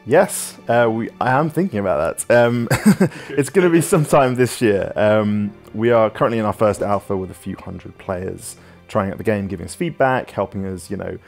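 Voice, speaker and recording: A deep-voiced man talks through viewer questions about his game, filling gaps with ums and you-knows as he rambles. His low voice sits over a faint bed of background music. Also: moderate pace, vocal fry, hardly any pauses. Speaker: game developer answering questions. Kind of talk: casual Q&A chat.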